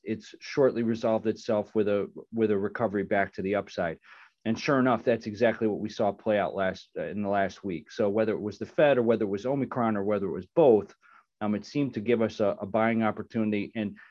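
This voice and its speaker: A man's voice: lowish voice, darkish tone, dry recording. A man giving conversational market analysis as a panel guest. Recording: dry, slightly dull audio.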